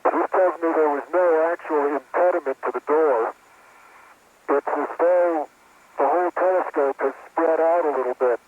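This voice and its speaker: An astronaut on a spacewalk, a man with a voice on the high side, talks through his working tasks at a moderate pace. His words come over a tinny, noisy spacesuit radio link with a space-to-ground radio effect.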